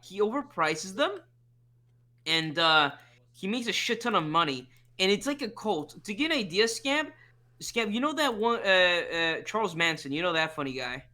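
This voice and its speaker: A podcast co-host rambling in casual chat, profane, with many fillers and restarts. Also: male voice, high-pitched, lively intonation, normal speed, pushed and bright.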